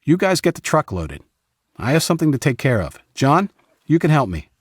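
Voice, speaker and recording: A confident young man with a brash, upbeat edge, speaking in a noticeably higher register , as a narrator puts him on. His delivery is casual and cheerful, and it sounds close and dry, with a slightly husky grain. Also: wildly swooping pitch, moderate pace, no room sound, heavily acted. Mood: brisk.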